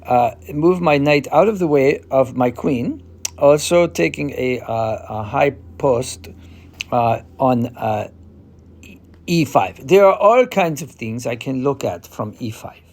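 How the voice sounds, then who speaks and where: A man playing a confident chess player with an Eastern European accent, explaining a game in a deliberate, hesitant way. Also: medium pitch, lively intonation, a little mellow. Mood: explanatory, measured. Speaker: chess player giving a tutorial.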